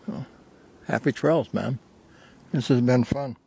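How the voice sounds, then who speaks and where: A man of roughly seventy films himself hiking a rocky desert mesa slope, his handheld camera at arm's length, and narrates casually in a folksy, self-deprecating style. He speaks slowly in a medium-pitched voice that is creaky, mellow and slightly rough.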